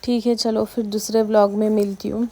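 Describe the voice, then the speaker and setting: A woman's voice: mid-range voice, moderate pace. A woman with a Hyderabadi accent, a preschool teacher casually telling a story in her vlog, with lots of quoted dialogue. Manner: chatty, animated retelling with quoted dialogue. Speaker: anganwadi teacher and vlogger.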